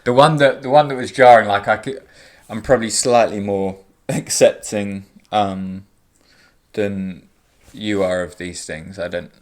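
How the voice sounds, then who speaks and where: Young guy, podcast co-host, laid-back chat, laughs a lot, fairly low voice. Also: steady tone, a little slow. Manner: easygoing, laughs often, trailing off with fillers. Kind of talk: casual chat.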